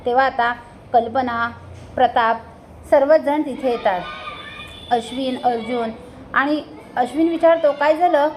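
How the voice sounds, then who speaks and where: A woman with a high voice casually recaps a TV serial episode. She retells it plainly and with some repetition, pausing between phrases. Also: a little mellow, slight background noise.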